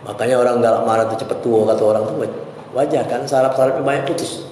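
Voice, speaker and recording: A middle-aged male preacher gives a religious talk at an ordinary pitch. He tells stories with animated delivery and throws on mock scolding voices. The recording is very roomy, with a long hall reverb and faint ambience behind him. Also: quick pace, a little hiss or hum. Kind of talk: religious lecture.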